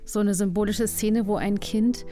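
A woman's voice: mid-range voice, fairly even intonation, moderate pace, warm tone, faint music behind. A woman podcast host and coach talking in an empathetic, encouraging way. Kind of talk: podcast conversation with recorded coaching session.

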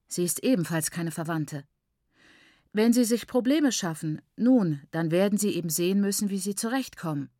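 A woman voicing a calm, proud, educated woman who speaks in a composed tone. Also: fairly low pitch, moderate pace, no echo, clean studio sound.

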